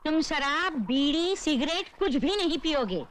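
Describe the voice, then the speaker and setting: A woman's voice: sits high, big pitch swings, measured pace, slight background noise. A middle-aged woman dubbing a stern, bossy village landlady laying down rules for a lodger. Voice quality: bossy, matter-of-fact. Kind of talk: dubbed film dialogue.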